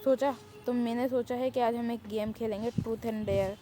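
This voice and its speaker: A woman's voice: a little high, steady tone, a little slow, warm tone, slight background noise, lightly acted. A woman voicing a cheeky, boastful young woman who loves to pester everyone. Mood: teasing. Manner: brash, teasing, boastful.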